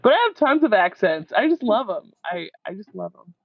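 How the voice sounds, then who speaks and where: A woman's voice: medium pitch, very animated, fairly quick. A woman with a New York accent co-hosting a podcast, talking bluntly and profanely and laughing often. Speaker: podcast co-host. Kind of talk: casual chat. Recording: dull, dry lo-fi podcast audio.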